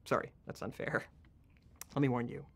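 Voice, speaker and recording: A man's voice: medium pitch, steady tone, moderate pace, vocal fry. An actor playing a cocky male stage magician under questioning in a film drama, smug, sarcastic and taunting. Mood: cocky, challenging.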